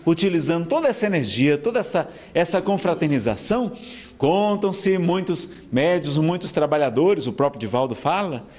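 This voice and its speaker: A man's voice: fairly high pitch, a little mellow. Earnest Brazilian man lecturing. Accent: Brazilian Portuguese. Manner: earnest, persuasive, checks in with listeners often. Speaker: spiritist speaker. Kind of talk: lecture announcement.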